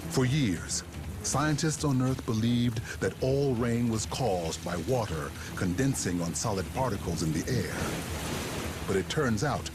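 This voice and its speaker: A man's voice: mid-range voice, animated, unhurried. A man narrating a nature documentary from a script, with dramatic storytelling delivery. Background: music under the voice.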